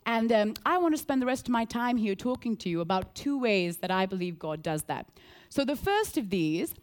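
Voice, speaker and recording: A woman from Sri Lanka preaching a sermon, earnest and animated, repeating key phrases and telling a story. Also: fairly high pitch, normal speed.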